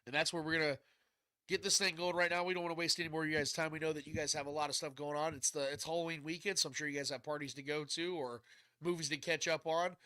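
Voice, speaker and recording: A man's voice: a little high, steady tone, quick pace, bright, forceful tone, smooth, no room sound. Stuffed-up, nasal man hosting sports talk. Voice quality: congested, nasal stuffed-nose voice. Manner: blunt, mild swearing, chummy slang. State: stuffed up, can't breathe through nose. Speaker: sports show host.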